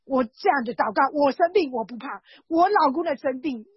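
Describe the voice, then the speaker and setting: A woman's voice: high-pitched, expressive, normal speed, dry recording, muffled recording. A woman giving an earnest, emotional religious testimony at church, repeating herself often.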